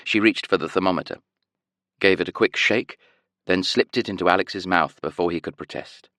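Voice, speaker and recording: Male audiobook narrator, low register, close dry recording, measured and expressive. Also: dry recording.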